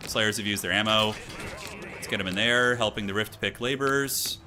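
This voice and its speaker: This man's voice is fairly low and moves at a normal speed. He's a streamer playing a strategy game, thinking aloud in casual, slangy live commentary as game music plays behind him.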